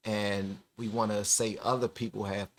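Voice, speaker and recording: A man hosting a reaction video, commenting in a relaxed, chatty way with laughing asides. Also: lowish voice, moderate pace. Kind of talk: casual commentary.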